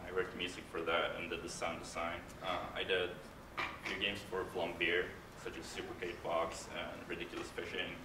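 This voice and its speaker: A man giving a casual conference talk, halting and hesitant with frequent restarts. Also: deep voice, completely flat delivery. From Norway. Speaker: conference speaker, game composer. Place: large conference hall. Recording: echoey hall, distant mic, room noise.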